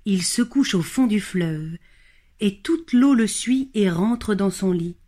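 A woman narrating a children's storybook in a lively, expressive, rhythmic way. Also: mid-range voice, slow.

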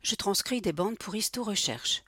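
A woman voicing an excitable young wife who answers eagerly like a schoolgirl. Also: mid-range voice, moderate pace, husky, dry recording, studio quality, pitched above the performer's own voice.

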